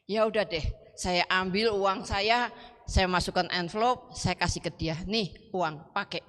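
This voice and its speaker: A woman's voice: mid-range voice, measured pace, fairly bright tone. A woman preacher telling a personal testimony in a sermon, acting out her conversations with her child. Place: church hall. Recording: long hall reverb.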